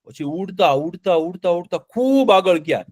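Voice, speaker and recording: A man tells a story to children, animated and often pausing to quiz them. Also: high voice. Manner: animated, keeps asking the children questions.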